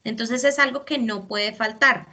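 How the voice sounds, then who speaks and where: A woman's voice: a little high, a little slow, bright, forceful tone. A woman English teacher explaining grammar step by step in a patient class.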